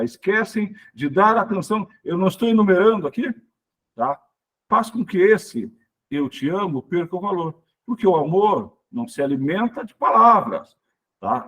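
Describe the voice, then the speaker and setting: Male teacher, husky voice with lively pitch swings, stresses each example word and keeps checking in with students. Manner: explains step by step, checks in with "tá?" and "certinho?". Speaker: Portuguese teacher. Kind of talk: exam prep lesson.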